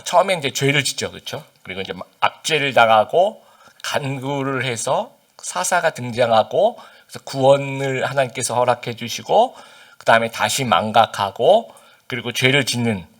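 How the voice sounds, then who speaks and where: Speaking in a mid-range, sing-song voice at normal speed, the man has a fairly bright tone. A pastor originally from Busan, he gives an informal sermon full of fillers and questions aimed at the congregation, with traces of Busan dialect under standard Seoul Korean.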